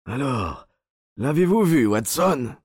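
An actor playing an ailing, cunning detective in a radio play, whose voice is weak. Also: male voice, mid-range voice, big pitch swings, takes it slowly, darkish tone, husky, no echo, studio quality, exaggerated voice. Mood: urgent. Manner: weak voice, commanding when roused.

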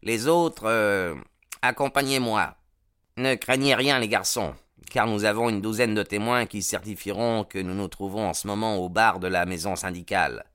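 A man's voice: on the low side, moderate pace, fairly bright tone, smooth, no echo, studio quality, close to an everyday voice. A man voicing a brutal male gang leader who barks orders in a raised, harsh voice. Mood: commanding.

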